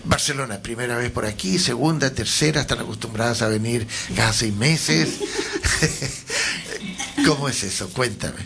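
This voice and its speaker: Relaxed male radio host. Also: medium pitch, a little slow, gravelly, noisy background. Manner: relaxed, hesitant, repeats words. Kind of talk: casual radio interview. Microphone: studio microphone.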